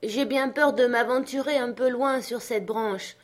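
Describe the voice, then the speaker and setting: A woman voicing an excitable old male servant who is fearful and chatty, speaking with loud exclamations and pleading. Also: on the high side, measured pace, voice pushed up, lightly acted.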